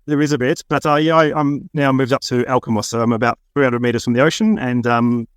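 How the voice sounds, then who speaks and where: An Australian man from Melbourne, a guest relaxed in a casual chat, using fillers as he tells stories. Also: medium pitch, fast, clear, resonant tone, no room sound, studio quality. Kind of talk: casual storytelling.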